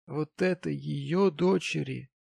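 A man voicing a tipsy, tearful, sanctimonious widowed gentleman, talking in a maudlin, slurred, pompous way in an audiobook. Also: a little high, slow, no room sound, pitched above the performer's own voice.

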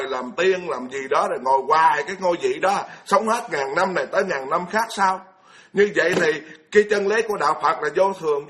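A man's voice: a little high, a bit bright. A man, giving a blunt, colloquial Buddhist sermon full of scolding rhetorical questions. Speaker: Buddhist monk lecturer.

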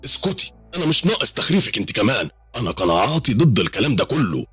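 A man's voice: medium pitch, very animated, rapid-fire, slightly rough, dry recording, soft background music, pitched above the performer's own voice. A man voicing a frightened, stubborn middle-aged father with an Egyptian accent. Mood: angry. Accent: Egyptian Arabic.

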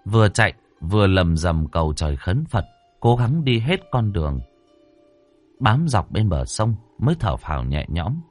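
A man narrating a ghost story in a dramatic, expressive way. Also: low voice, normal speed. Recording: dry close voice over faint music.

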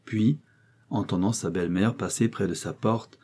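A man narrating a nineteenth-century novel as an audiobook reader, in a measured literary way with dramatic swells. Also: on the low side, darkish tone, husky.

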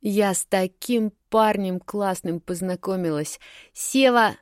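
A woman's voice: mid-range voice, slow, dry recording, studio quality, voice pushed up, close to an everyday voice. A woman reading an audiobook, voicing a carefree young female student friend in an easygoing, breezy way. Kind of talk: audiobook character voice.

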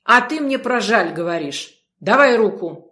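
A woman's voice: medium pitch, animated, normal speed, sharp tone. A woman voicing a fierce, blunt young witch who barks her lines. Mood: scornful. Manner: brusque, barking.

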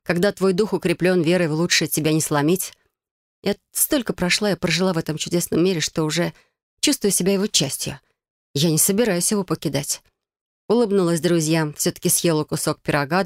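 A woman's voice: sits low, dry recording, clean studio sound. A woman reading a first-person audiobook in a conversational way, speaking directly to listeners. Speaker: audiobook narrator.

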